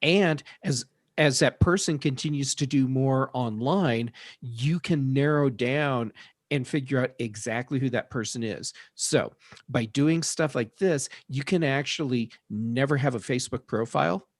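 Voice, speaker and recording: A man's voice: mid-range voice, unhurried, no room sound, clean studio sound. A man on a casual panel discussion, explaining methodically and listing points one by one.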